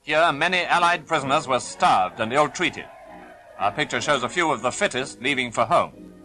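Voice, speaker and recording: A man's voice: mid-range voice, animated, normal speed, sharp tone, faint music behind, poor audio. A man narrating an old 1940s newsreel in a formal, stern, declaiming manner, played back from an archive soundtrack. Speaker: newsreel announcer.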